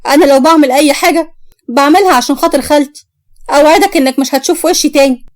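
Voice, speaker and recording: A woman's voice: high voice, fast talker, lightly acted. A woman voicing an anxious young female cousin who speaks urgently and sharply in an Egyptian accent. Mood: offended.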